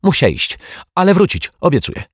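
A man doing a hulking fake Turk, broken clumsy speech, high put-on voice, husky edge, dry close sound, storybook character. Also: big pitch swings, a little fast, no echo, full character voice. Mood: hasty. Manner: broken Polish with mispronounced words. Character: fake Turkish man in disguise, big, broken Polish.

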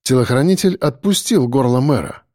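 A male narrator reads a story aloud in a steady, measured voice of middle pitch. The sound is close and dry. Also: no room sound. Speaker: audiobook narrator. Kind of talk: scripted narration.

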